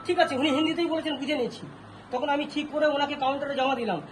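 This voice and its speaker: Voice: high-pitched, fairly even intonation, fast talker, low-quality recording. A complainant recounting how a clerk treated them at a ticket counter. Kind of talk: recounting an incident. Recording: crowd and noise behind.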